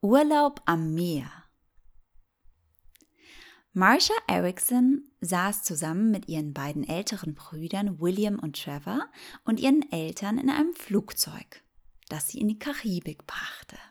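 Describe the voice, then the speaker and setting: A woman narrating a bedtime sleep story in a calm, soothing, gentle and unhurried way. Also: medium pitch.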